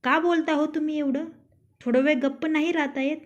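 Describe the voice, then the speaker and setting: A woman voicing a sharp-tongued, steady young wife in a storybook tale, speaking curtly and scolding. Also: on the high side, brisk, lightly acted. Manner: curt, scolding. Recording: dull lo-fi recording.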